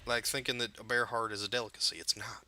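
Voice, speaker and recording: A man's voice: mid-range voice, little pitch movement, fast, noisy background. A man giving casual, profane, jokey commentary over his own gameplay and talking back to the game characters.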